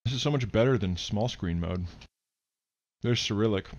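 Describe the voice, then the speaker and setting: A young man co-hosting a gaming video, chatting in a relaxed, musing way while still waking up. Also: lowish voice, moderate pace. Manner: relaxed, musing, a bit groggy in the morning. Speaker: co-host of a gaming channel. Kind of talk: casual chat while playing a game.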